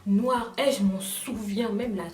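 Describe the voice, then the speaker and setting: A woman's voice: medium pitch, unhurried, roomy sound, recorded from a distance. Chatty young woman telling a story. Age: young adult. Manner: animated, addresses viewers directly. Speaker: vlogger. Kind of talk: casual storytime.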